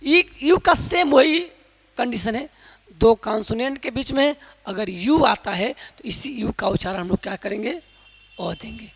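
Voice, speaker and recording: A man teaching English pronunciation in a loud, emphatic classroom manner, quizzing his viewers with repeated questions. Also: extremely high pitch, lively intonation, measured pace, slightly rough, long reverb tail. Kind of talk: classroom lesson in Hindi with some English.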